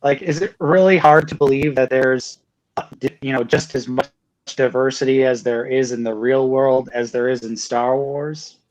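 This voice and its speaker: A man's voice: mid-range voice, steady tone, darkish tone, poor audio. Earnest guy on a fan stream, emphatic, repeats himself, normal voice. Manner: earnest, emphatic, quick bursts with fillers. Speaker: co-host. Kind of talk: casual livestream chat.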